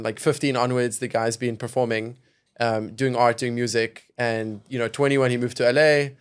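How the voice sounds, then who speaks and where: A young South African man, a venture capital investor appearing as a podcast guest, talks in a mid-range voice with a clean tone. The conversation is casual, and he speaks thoughtfully, often hedging with "kind of" and "you know."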